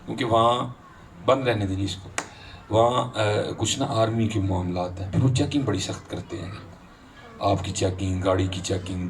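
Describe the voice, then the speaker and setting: Deep-voiced preacher at a distance. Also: male voice. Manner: slow chanted Arabic recitation between conversational Urdu talk. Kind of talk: sermon. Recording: distant mic with noisy background.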